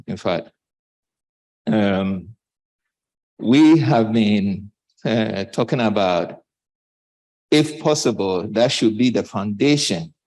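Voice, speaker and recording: A man speaking as a panelist at a conference, a bit out of breath, halting with many fillers. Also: lowish voice, darkish tone, poor audio. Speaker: panelist from a development bank.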